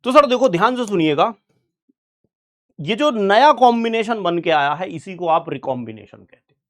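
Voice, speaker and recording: A man's voice: high voice, expressive, moderate pace, fairly bright tone. A young man teaching biology in an online exam-prep lecture, chatty, keeps checking in with students. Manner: chatty, keeps asking "right, sir?" to students.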